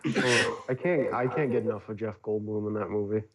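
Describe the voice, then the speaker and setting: A man's voice: on the low side, steady tone, normal speed, very noisy. A young man, a podcast guest, gushing in casual chat, rambling with lots of filler words. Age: young adult.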